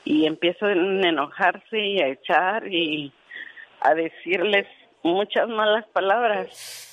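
A woman's voice: on the low side, takes it slowly, muffled recording. A woman calling into a radio show, earnestly telling a story with quoted dialogue, her voice tearful at times. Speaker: radio caller.

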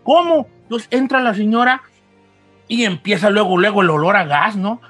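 Man, high voice, storyteller, acts out voices, dry recording. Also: moderate pace, no room sound, faint music behind. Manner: lively, acts out dialogue in raised pitch, many restarts. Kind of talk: oral ghost story telling.

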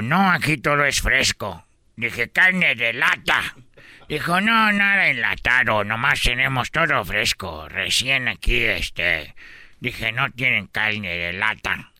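A man's voice: sharp tone, no room sound, heavily acted. A man voicing a cheeky, boastful immigrant vendor with a put-on Chinese accent, rambling through jokey stories. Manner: jokey, rambling storytelling with playful squeaky voices. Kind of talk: comedy sketch in character.

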